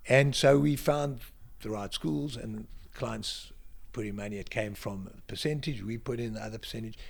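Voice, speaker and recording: This is a middle-aged South African man sitting in a library for an interview. His voice carries a gravelly, creaky texture at a middling pitch. He speaks with a South African accent, trips over his openings and then lands points with bursts of emphasis. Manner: halting, restarts phrases, bursts of emphasis. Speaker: guest, creative director. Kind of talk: casual interview chat.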